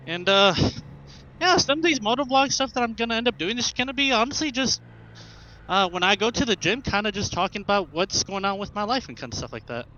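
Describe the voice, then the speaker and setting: A young motovlogger from Arkansas, new to riding, chats in a rambling, casual way from inside his helmet. His voice sits high and bright, forceful and a touch fast, with lively intonation. The headset mic feeds an action camera, so the sound is muffled and mixed with engine and road noise.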